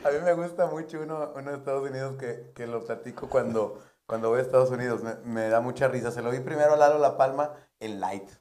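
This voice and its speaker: A man with a Mexican Spanish accent hosting a casual bar chat, telling jokes with loud put-on voices and laughter. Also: mid-range voice, fairly even intonation, quick pace, few pauses. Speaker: host of a bar talk show.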